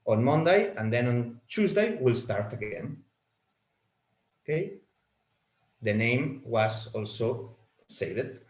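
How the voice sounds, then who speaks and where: Clicking through settings in a software webinar, this Spanish-native product trainer stumbles and repeats himself as he goes. His mid-range voice is animated, and the sound is roomy.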